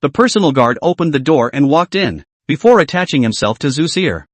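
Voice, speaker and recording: A man narrating an anime story recap in a lively, dramatic way. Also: fairly high pitch, a little fast, no echo.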